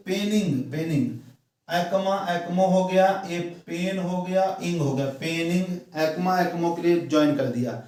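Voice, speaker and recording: A man from India with a North Indian accent, teaching a shorthand lesson slowly and step by step, repeating each word. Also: a little high, a little mellow. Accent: Hindi-speaking North Indian. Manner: slow, repetitive, step-by-step explaining. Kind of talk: classroom shorthand dictation lesson. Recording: echoey room, voice from far off mic.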